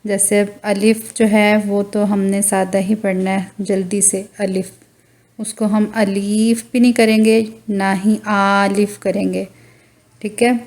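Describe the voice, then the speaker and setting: A woman teaching Quran recitation, drawing out each letter name slowly and patiently explaining with a Pakistani Urdu accent. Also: medium pitch, flat delivery, a little mellow. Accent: Urdu-speaking, Pakistani. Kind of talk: slow recitation lesson, drawn-out letter names.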